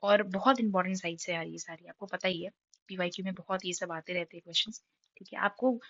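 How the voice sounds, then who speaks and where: A woman's voice: fairly low pitch, steady tone, fast, no echo, muffled recording. A young woman teacher with a sore throat, running an exam-prep map lesson, quizzing her students and answering in their voice, checking in often. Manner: repeats key facts with frequent "ठीक है?".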